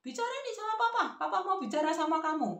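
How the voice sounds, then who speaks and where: A woman voicing a scolding old grandmother with a shrill Javanese-accented voice. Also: very animated, fast, full character voice. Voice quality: shrill, nagging. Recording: roomy echo.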